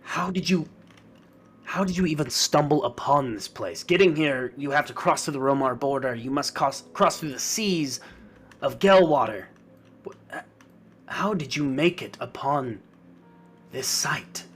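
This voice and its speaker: A man's voice: on the high side, lively intonation, measured pace, a bit bright, breathy edge, full character voice. A man voicing a proud, stern male elf guard captain who barks orders in a commanding way. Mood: haughty. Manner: barking, commanding.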